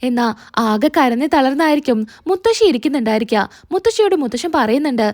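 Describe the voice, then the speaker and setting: High-pitched and lively, this woman narrates a spoken recap of a serial episode, moving fast and slipping the characters' quotes in along the way.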